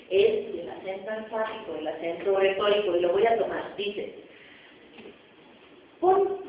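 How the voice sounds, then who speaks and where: A woman professor lectures at an even middle pitch. She keeps checking that her students follow. The room is very echoey, she is heard from a distance, and the sound is muffled. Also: slight background noise. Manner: explanatory, often checks in with "¿no?". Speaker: phonetics professor. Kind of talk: university lecture. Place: large echoey classroom. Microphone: distant recorder.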